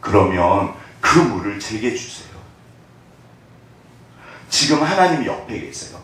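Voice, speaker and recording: A man preaching a conversational sermon as pastor, swinging between hushed asides and animated bursts. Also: on the low side, a little slow. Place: church sanctuary. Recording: echoey church hall from far off.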